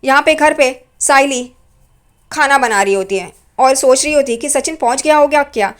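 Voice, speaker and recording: A woman's voice: high-pitched, normal speed, a bit bright. A woman casually retelling a TV serial episode in a chatty, loose storytelling manner. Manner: chatty, loose storytelling with repeated "here" fillers. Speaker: serial recap narrator.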